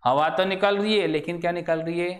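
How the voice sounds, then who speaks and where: A man's voice: sits high, steady tone, a little fast. A male teacher giving a Hindi grammar lecture in a classroom, asking the class questions and answering them himself. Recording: echoey room.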